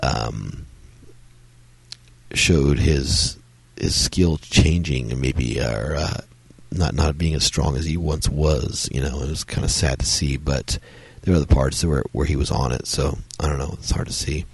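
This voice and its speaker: A film review podcast host talks casually on his own in a very deep, gravelly voice, strained because he has a cold. He rambles at a measured pace with many fillers and restarts. There's no echo.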